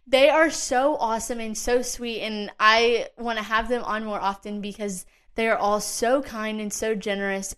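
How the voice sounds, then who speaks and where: Young woman, podcast host, smooth clear voice, chatty and earnest with lots of fillers. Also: medium pitch, a bit bright. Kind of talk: casual faith talk, solo podcast recap.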